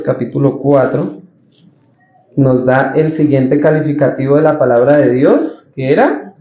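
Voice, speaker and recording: In a church hall, a male pastor preaches in a chatty way, putting questions to the congregation and voicing the lines of Bible figures as quotes. He sounds a little high and a little mellow, with slight background noise on a roomy, somewhat dull recording.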